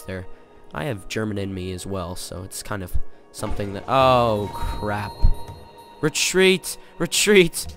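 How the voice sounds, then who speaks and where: A young man casually commentating his strategy game, excitable and jokey, thinking out loud. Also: on the low side. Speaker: gaming channel host. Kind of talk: let's play commentary. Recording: game music playing behind.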